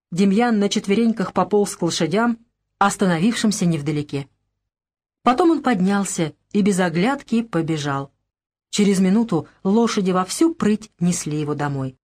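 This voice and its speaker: Female audiobook narrator, even, measured literary storytelling. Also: mid-range voice.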